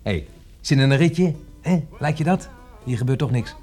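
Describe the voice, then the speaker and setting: A man's voice: mid-range voice, expressive, moderate pace, a little mellow, soft background music, natural voice. A man dubbing a cocky young chauffeur who lies freely, speaking with breezy, teasing banter. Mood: coaxing. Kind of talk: dubbed film dialogue.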